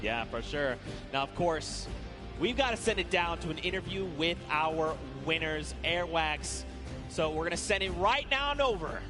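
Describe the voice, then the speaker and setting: Hoarse, excitable high-voiced male caster. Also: moderate pace, music in the background. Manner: excitable, shouts at big plays. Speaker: esports caster. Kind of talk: live esports commentary. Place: arena broadcast desk.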